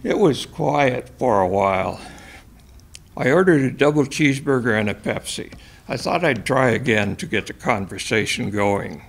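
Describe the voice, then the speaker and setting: A man reading a first-person short story aloud in a dry, measured way. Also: mid-range voice, animated, vocal fry. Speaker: story reader.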